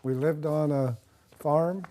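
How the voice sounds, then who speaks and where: An older man from Nebraska, a retired army officer, answering interview questions in a measured, plain way with frequent pauses and fillers, recorded on a lapel mic in a dark studio. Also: fairly high pitch, fairly even intonation.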